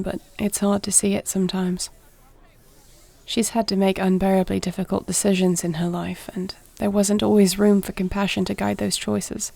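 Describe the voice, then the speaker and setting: Reflective in mood, this woman plays a warrior princess in an intimate fantasy roleplay, her soft words formal, tender and measured with gentle dignity. The mid-range voice is creaky and free of echo.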